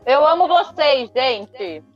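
A female comedian chatting warmly and effusively with slang. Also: high-pitched, expressive, slow pace, muffled recording, soft background music. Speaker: comedian guest. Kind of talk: casual panel chat.

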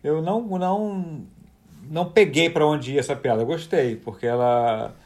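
A man's voice: a little high, normal speed, darkish tone. A man from Rio with a Carioca accent in casual comedic chat, stammering and circling back on his words. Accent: Carioca (Rio de Janeiro). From Rio de Janeiro, Brazil.

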